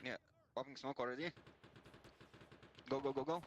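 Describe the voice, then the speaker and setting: A man's voice: medium pitch, steady tone, normal speed. A man talking to his squad during a military game. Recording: noisy game chat, gunfire behind.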